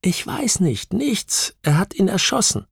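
A man's voice: high voice, very animated, measured pace, gravelly, breathy edge, dry recording, pitched above the performer's own voice, heavily acted. A man voicing a shaken young woman, a hesitant witness who falters and sometimes drops to a whisper, in an audiobook reading. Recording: dry close studio sound.

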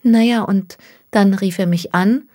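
A woman's voice: medium pitch, a little slow, warm tone, voice pushed up, lightly acted. Woman voicing a distraught young woman near tears. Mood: explaining. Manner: pleading, close to tears. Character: young woman, distraught, stranded by a cruel hoax.

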